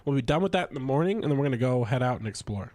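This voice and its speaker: A man chatting casually while streaming a game, stuffy from a cold, rambling with lively swings in pitch. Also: very fast, no echo. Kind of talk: casual gameplay commentary.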